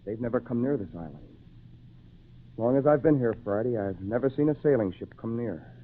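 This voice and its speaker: A man plays a kindly, lonely English castaway in an old-time radio drama, with patient, theatrical phrasing and a wistful, kindly mood. His mid-range voice is brisk with lively intonation and lightly acted, heard through a tinny, narrow-band old radio recording.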